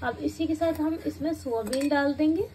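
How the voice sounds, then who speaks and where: A woman's voice: sits high, moderate pace, mellow. A woman cooking in her home kitchen, chatting step by step as she explains a recipe to the phone camera. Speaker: cooking vlogger. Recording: noisy home phone recording.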